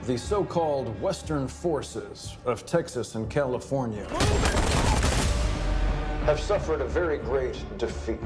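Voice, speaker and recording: An actor playing a stern male president addressing the nation in formal, measured words. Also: medium pitch, close to an everyday voice. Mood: solemn. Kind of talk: film trailer dialogue. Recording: film audio under loud music.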